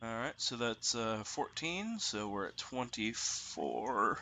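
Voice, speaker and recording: Slow, halting male game master, bright voice. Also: mid-range voice, big pitch swings. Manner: halting, piecing sentences together slowly. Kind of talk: narrating a tabletop roleplaying game.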